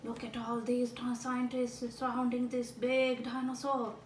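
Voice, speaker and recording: A woman with a slightly high voice reads a picture book expressively for children, using exaggerated storytelling, playful asides and a frog puppet, at a wooden table indoors. Her intonation is monotone and her pace measured. It's a roomy home recording with background noise.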